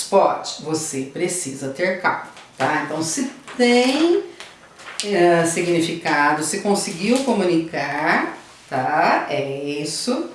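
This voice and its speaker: Her voice on the low side, a Brazilian Portuguese-accented woman teaches grammar, walking her students through it patiently and checking that they follow. The mic is distant, the room very echoey, and there's slight background noise.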